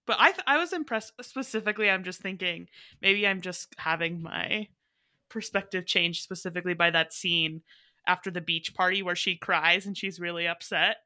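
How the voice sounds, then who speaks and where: Woman, chatty movie-talk co-host, bright lowish voice, dry close sound. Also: no echo. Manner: chatty, enthusiastic, quick to agree. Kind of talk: casual movie discussion.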